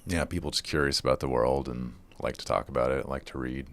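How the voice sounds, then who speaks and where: A man's voice: a bass voice, steady tone, a little fast, fairly bright tone, no room sound. A man speaking as a podcast guest, chatting informally and often saying "like" and "you know". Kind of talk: casual interview chat.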